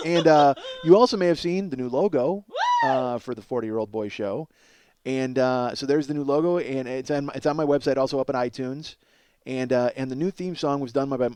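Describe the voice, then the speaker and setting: Against a noisy background, a mid-range-voiced man hosts a podcast, riffing in a casual comic monologue that rambles, breaks off, swears and mocks himself.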